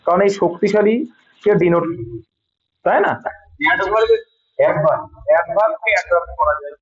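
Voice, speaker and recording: Bengali man teaching grammar, slightly high voice. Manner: patient, repeats points and checks understanding. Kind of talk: classroom lesson, explaining sentence corrections. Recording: dull lo-fi sound.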